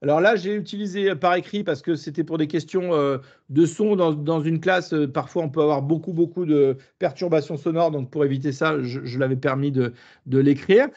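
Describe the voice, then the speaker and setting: A man with a southern French accent runs a live webinar demonstration, slightly high-voiced. He talks hesitantly, with many fillers and restarts. The audio sounds a little muffled. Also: brisk, a little mellow. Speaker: webinar trainer.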